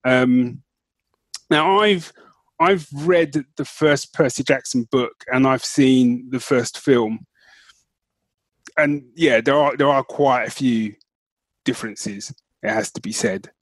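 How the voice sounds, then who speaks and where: Talking casually about film and book news, this podcast co-host speaks slowly with frequent pauses in a medium-pitched voice, repeating himself for emphasis. The recording has no room sound.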